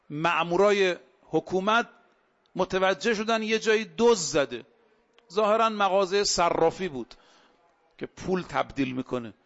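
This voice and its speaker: High-voiced man preaching emphatically. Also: fairly bright tone. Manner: emphatic preaching with rhetorical questions and storytelling. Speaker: cleric. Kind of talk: sermon. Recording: dull lo-fi recording.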